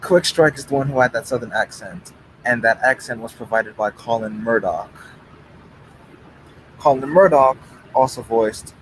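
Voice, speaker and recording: A man's voice: medium pitch, moderate pace, long pauses, low-quality recording. Casual male streamer with faint background noise. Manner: reads out chat, argues, swears, laughs. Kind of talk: casual live-stream chat.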